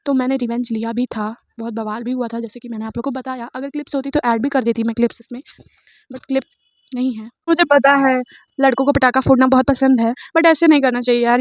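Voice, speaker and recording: A woman's voice: sits high, no echo. A young woman telling a storytime vlog in a casual, chatty way, laughing often and mixing in English words. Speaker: vlogger.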